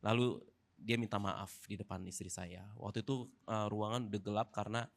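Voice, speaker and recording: An Indonesian man in his thirties, sharing a family story at a church service. His voice is fairly low, and his delivery is easygoing and humorous, with the dialogue acted out. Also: fairly even intonation, normal speed, vocal fry. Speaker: church speaker sharing testimony with his wife. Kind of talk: casual testimony in a church service.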